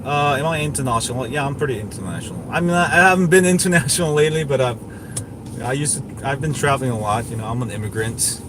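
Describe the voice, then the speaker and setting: A tech livestream host with a mid-range voice talks fast over clearly audible background noise. Answering viewers in casual chat, he rambles, gets opinionated and repeats himself.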